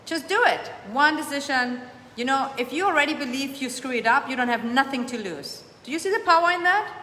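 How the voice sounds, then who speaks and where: A woman's voice: high-pitched, a little fast, sharp tone, slight background noise. A woman hosting a live coaching show, answering viewer comments and urging them on with emphatic, repeated phrases. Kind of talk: motivational live-stream coaching. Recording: echoey room with long reverb, faint ambience.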